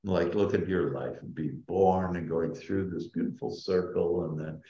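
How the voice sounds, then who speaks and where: Male spiritual teacher, low-pitched, effusive and informal, leaning on repeated words, recorded with dull room echo. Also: fairly even intonation, normal speed, dark tone. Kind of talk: informal inspirational spiritual talk. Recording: dull, roomy echoing sound.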